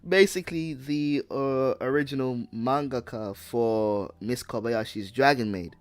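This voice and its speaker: A man's voice: mid-range voice, unhurried, no echo. A man hosting a casual podcast chat, rambling with repeated words and frequent laughs. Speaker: podcast host.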